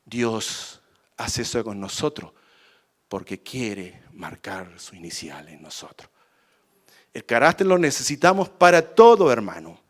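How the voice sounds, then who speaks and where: A man's voice: mid-range voice, very animated, measured pace. A male pastor preaching a sermon emphatically, repeating points and addressing listeners as brother.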